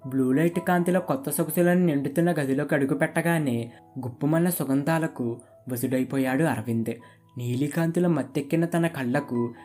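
Storyteller, scripted narration, dramatic, steady, middle pitch, faint guitar music behind. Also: moderate pace.

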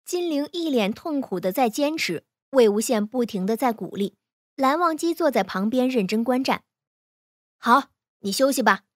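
A woman reading fan fiction aloud in a smooth, even storytelling manner. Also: a little high, normal speed, dry recording, clean studio sound.

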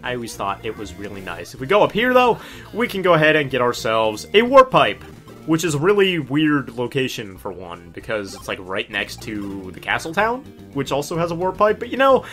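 A man's voice: medium pitch, fairly bright tone. A young man giving casual, rambling game commentary in an informal manner. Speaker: gaming host.

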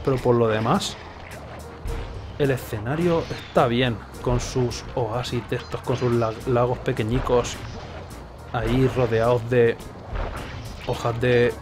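A man in his thirties with a Spain accent, giving casual, sarcastic, rambling commentary as he plays a game. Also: medium pitch. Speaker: video game streamer. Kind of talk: casual live gameplay commentary. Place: indoors, streaming setup. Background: game music and effects.

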